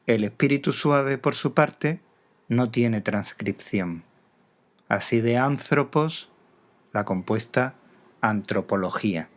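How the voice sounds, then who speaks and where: A man's voice: mid-range voice, slow pace. A man giving scripted instructional narration, carefully enunciating each example word. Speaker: teacher.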